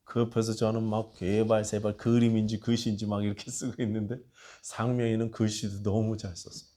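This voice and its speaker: A man's voice: lowish voice, flat delivery, fairly quick. A man preaching a sermon as pastor, telling a personal story and pleading with his congregation. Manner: storytelling, dropping to a hushed voice for tender quotes and rising to loud appeals.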